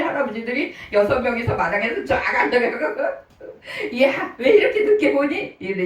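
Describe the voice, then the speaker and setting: A middle-aged woman preaching in a church, telling personal stories in a chatty, lively way with frequent laughter. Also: on the high side. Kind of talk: sermon told through personal stories. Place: church hall. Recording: roomy hall, voice from a distance.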